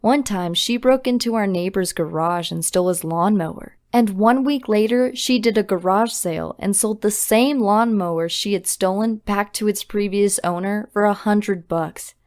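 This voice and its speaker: A young woman narrating a scripted storytime confession in a brisk, dramatic way. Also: mid-range voice, darkish tone.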